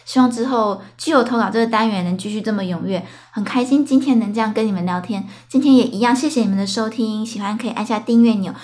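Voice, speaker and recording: A woman's voice: a little high, fast talker, hardly any pauses, darkish tone. A young woman with a Taiwanese Mandarin accent hosting a casual solo podcast, playful and chatty, with giggly asides. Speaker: podcast host.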